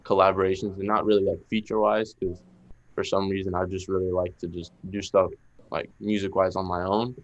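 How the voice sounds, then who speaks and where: A young man with a Boston accent speaks in a deep, even, almost monotone voice. He is a rapper guest on a podcast and rambles through his answers, leaning on fillers. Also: a little fast, muffled recording. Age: young adult. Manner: laid-back, rambling with many fillers. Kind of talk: casual interview chat.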